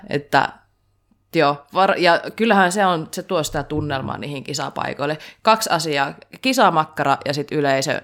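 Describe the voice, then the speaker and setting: This podcast host talks in a loose, rambling way, often laughing at their own stories. The voice sits in a middle pitch and the delivery stays casual and chatty. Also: a bit bright. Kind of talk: casual chat.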